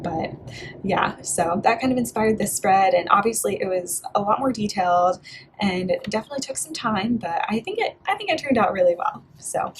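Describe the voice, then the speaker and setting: A woman's voice: medium pitch, normal speed, a little hiss or hum. Chatty young woman from Bulgaria. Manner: relaxed, chatty, many "like" and "yeah" fillers. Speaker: art vlogger. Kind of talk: casual voice-over flip-through.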